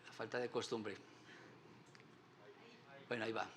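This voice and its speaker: A man's voice: lowish voice, little pitch movement, measured pace, a bit bright, slight background noise. A man teaching a Sunday Bible class at church, often putting rhetorical questions to his listeners. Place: church meeting room.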